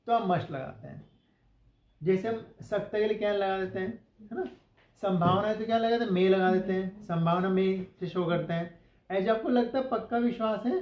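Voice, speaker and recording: A man's voice: high voice, darkish tone, reverberant, poor audio. A male English teacher giving a classroom grammar lesson, asking the class questions and spelling out example sentences word by word.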